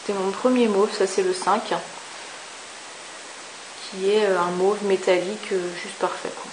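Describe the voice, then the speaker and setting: A woman's voice: medium pitch, little pitch movement, a little slow. A woman chatting enthusiastically through a makeup review, with many fillers and asides. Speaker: beauty vlogger. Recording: echoey room with faint hiss.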